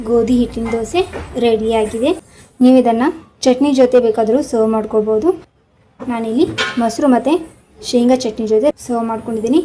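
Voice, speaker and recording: Woman cooking host, calm step-by-step instructions, mellow tone, light kitchen sizzle underneath. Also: fairly high pitch, slight background noise, low-quality recording. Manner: calm step-by-step instructing, addresses viewers directly. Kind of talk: cooking demonstration voice-over.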